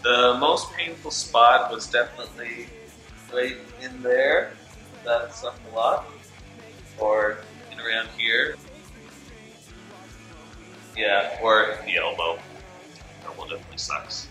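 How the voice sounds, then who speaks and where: Slow, bright-voiced man of twenty-three. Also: mid-range voice. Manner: hesitant, with "uh" and "um". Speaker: interviewee. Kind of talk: seated interview. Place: studio with gray backdrop. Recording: roomy studio with faint music.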